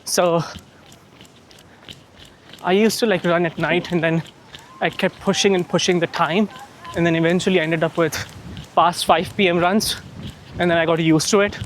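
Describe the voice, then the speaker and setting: A man's voice: high-pitched, steady tone, normal speed, long pauses. A man talking casually to his vlog audience while he runs outdoors, with some wind noise in the recording. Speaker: running vlogger. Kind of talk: casual vlog chat to camera. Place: outdoors on the move.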